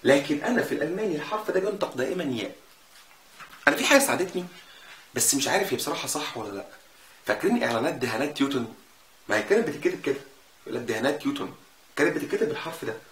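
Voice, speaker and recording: A man with an Egyptian Arabic accent teaching a casual language lesson, repeating sounds slowly to show them. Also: on the high side, expressive, fairly bright tone. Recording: echoey room with faint noise.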